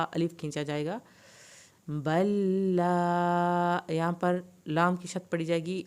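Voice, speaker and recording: Female recitation teacher with a low, very smooth voice. She recites slowly and explains quickly. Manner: slow drawn-out recitation alternating with brisk explanations. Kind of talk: tajweed lesson, reciting verses then explaining.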